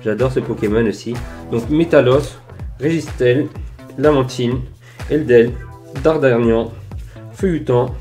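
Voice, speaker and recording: A man's voice: medium pitch, a little slow, long pauses, dark tone, soft background music. Enthusiastic man showing off his finds. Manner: enthusiastic, many fillers and "voilà". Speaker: YouTuber showing flea-market finds. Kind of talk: casual collector vlog. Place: indoors under filming lamps. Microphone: desk microphone near camera.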